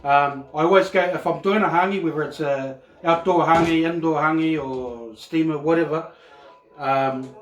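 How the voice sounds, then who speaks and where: A middle-aged man with a Maori New Zealand accent gives a laid-back, rambling, colloquial cooking demonstration in his home kitchen. His voice is a little high at normal speed. Recorded on a phone camera across the counter, the audio is muffled and echoey from the distance, with a little hiss or hum.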